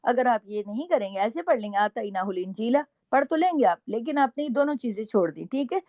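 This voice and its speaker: Woman, recitation teacher, fairly high voice, dry close sound. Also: animated, dry recording, dull audio. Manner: slow drawn-out recitation between brisk explanations; repeats checks like "okay?" and scolds gently. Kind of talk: tajweed lesson with recited examples.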